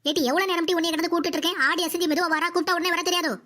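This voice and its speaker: A woman's voice: extremely high pitch, level tone, rapid-fire, a little hiss or hum. A woman doing a nagging cartoon mother-in-law. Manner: nagging, scolding, sharp-tongued. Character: scolding middle-aged mother-in-law, nagging and bossy. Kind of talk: cartoon comedy voice acting.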